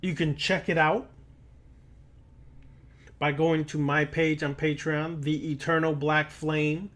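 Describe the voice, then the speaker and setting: A man with a fairly high, fairly bright voice and a level tone takes his time as he preaches an impromptu, sermon-style lecture to camera. He is an occult lecturer and teacher, admonishing the listener directly and repeating words and phrases for weight.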